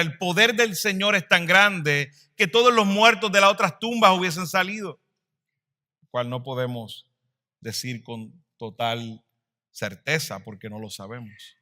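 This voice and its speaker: A man preaching a sermon as pastor, swelling louder and then dropping to a hush. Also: mid-range voice.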